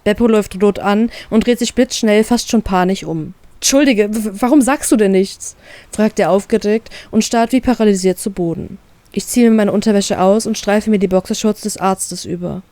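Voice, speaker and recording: A woman reading aloud a fanfiction story in first person, narrating calmly and evenly. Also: medium pitch, normal speed, no room sound. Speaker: fanfiction reader.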